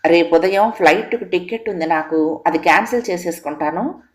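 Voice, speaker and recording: A woman's voice: fairly low pitch, brisk, lightly acted. A woman reading the lines of an earnest, caring young man who speaks directly and eagerly in an audio story.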